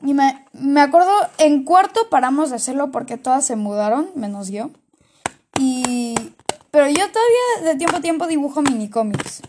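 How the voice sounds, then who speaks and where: A woman with a high, bright-sounding speaking voice, chatting casually as a co-host. She tells long stories in a chatty way, restarting sentences as she goes and circling back to add details. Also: lively intonation, normal speed, a little hiss or hum. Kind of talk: casual chat.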